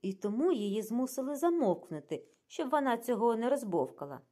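Shrewd male detective, calm, pointed, storybook figure, by a woman reader, lively pitch. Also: brisk. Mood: probing. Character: shrewd, probing middle-aged male detective.

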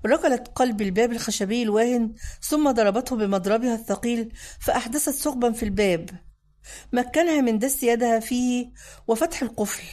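A woman narrating a dramatic audiobook in the first person, measured and intense. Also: a little high, mellow.

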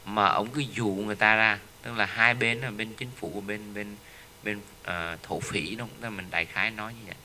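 A man delivers a Buddhist teaching as a story. His voice is very bright and forward. A faint hiss of background noise sits under the recording. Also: on the low side. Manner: storytelling, with frequent rhetorical "right?" tags. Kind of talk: dharma talk.

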